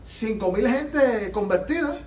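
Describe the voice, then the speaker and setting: High-pitched guy preaching hard, fervent, echoey church sound. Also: lively intonation, slow pace, darkish tone, recorded from a distance. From Latin America. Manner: fervent, rising to emphatic peaks and dropping low. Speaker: pastor. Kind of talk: sermon. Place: church sanctuary. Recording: echoey church hall, off-mic.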